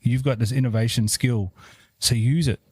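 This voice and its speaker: A man's voice: mid-range voice, fairly even intonation, normal speed, husky, no echo. A man with a broad New Zealand accent talking casually as an interview guest, earnest and informal, repeating phrases for emphasis. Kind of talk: casual chat.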